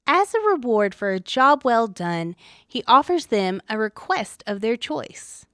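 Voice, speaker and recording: A woman's voice: fairly high pitch, big pitch swings, measured pace, sharp tone, dry recording, studio quality. Wry woman narrating a tabletop tale. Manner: wry, dramatic storytelling. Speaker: story podcast host. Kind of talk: scripted narration.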